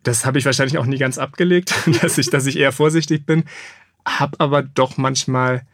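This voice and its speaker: Man, author, measured, hesitant, mid voice, dry. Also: medium pitch, steady tone, a bit bright, dry recording. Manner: measured, self-deprecating, hesitant fillers. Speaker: author and guest reader. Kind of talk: casual interview and audiobook reading.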